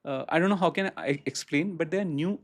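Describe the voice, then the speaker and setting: A man with an Indian accent answering as a real estate expert on a podcast, explaining haltingly and repeating phrases for emphasis. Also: fairly high pitch.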